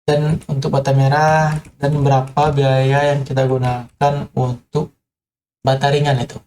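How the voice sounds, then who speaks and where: Flat-voiced man explaining building materials. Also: medium pitch, measured pace, slight background noise. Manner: hesitant, frequent filler sounds, addresses viewers as friends. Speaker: construction explainer. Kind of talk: informal tutorial.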